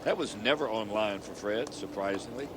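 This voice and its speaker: A man's voice: on the low side, normal speed. A man working as a golf commentator and analyst, giving short, blunt verdicts on shots amid outdoor noise. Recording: clear outdoor ambient noise.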